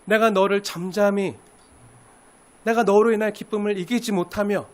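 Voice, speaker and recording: A man preaching who speaks God's words to a believer in a soft, gentle, loving way. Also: sits high, steady tone, moderate pace, natural voice. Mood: tender.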